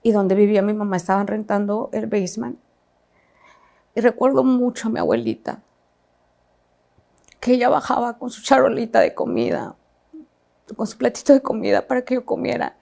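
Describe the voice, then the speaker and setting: A woman telling her own painful story as a personal testimony, halting and reflective, with restarts and pauses. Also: on the high side, expressive, gravelly, mellow.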